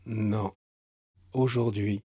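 A man voicing an exhausted, desperate man who speaks in quiet, clipped, stubborn phrases. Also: lowish voice, steady tone, very slow, breathy edge, no room sound, studio quality, heavily acted.

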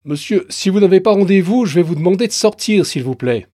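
Brief: big security guard, polite but firm, loud and quick, voiced by a male narrator. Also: high-pitched, animated, dry recording, studio quality, pitched above the performer's own voice.

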